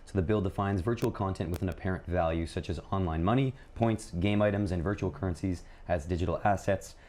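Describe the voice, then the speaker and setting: A co-host from Canada with a very low male voice, reading out news items quickly. His delivery stays brisk and relaxed, with an easy chat-show manner.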